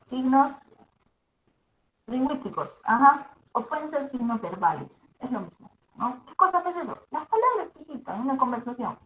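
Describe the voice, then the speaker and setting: A woman's voice: sits high, very animated, normal speed, a bit bright. A woman teacher with a mezzo-soprano voice gives a classroom lecture, checking in with her students after each point. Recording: echoey room.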